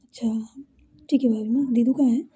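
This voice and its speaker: Playful, innocent young woman read by a female storyteller; husky, mellow tone. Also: fairly high pitch, fairly even intonation, a little fast. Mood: soft. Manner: innocent, teasing, eager. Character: playful young businesswoman, childlike with family.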